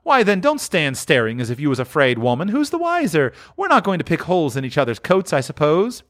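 A man reading aloud, voicing a bold, scornful old charwoman with a shrill, cackling voice. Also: huge pitch swings, a little fast. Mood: brazen, defiant.

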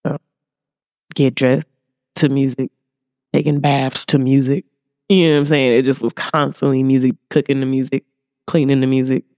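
A woman's voice: a bass voice, flat delivery, normal speed, long pauses, mellow, dry recording. Laid-back Bay Area woman, close dry sound. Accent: American, Bay Area. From Oakland, California. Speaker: podcast guest, music artist. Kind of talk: casual chat.

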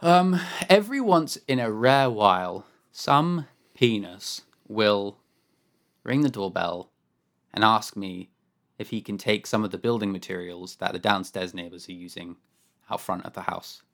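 A man's voice: fairly low pitch, unhurried, fairly bright tone. A man co-hosting a podcast from home, chatting casually about a game in a rambling, wry way, often correcting himself. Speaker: podcast co-host. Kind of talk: casual chat.

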